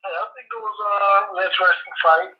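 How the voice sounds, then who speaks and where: A man's voice: sits high, fairly even intonation, a little fast. A boxing trainer answering interview questions over a video call that keeps freezing and dropping out, talking loosely with lots of "you know, man.". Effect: glitchy video call audio that freezes and cuts out. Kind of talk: casual remote interview answers. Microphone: earphones on a call. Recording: dull lo-fi call audio.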